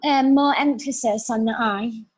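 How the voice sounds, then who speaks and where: A woman learning a language over a video call, giving short, hesitant answers and slowly repeating new words. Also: on the high side, steady tone. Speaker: language student. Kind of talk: repeating words in an online lesson.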